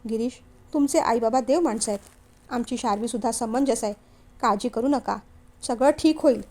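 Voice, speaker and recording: A woman reading a middle-aged aunt's gentle, reassuring lines in a family novel. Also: fairly high pitch, normal speed, close to an everyday voice.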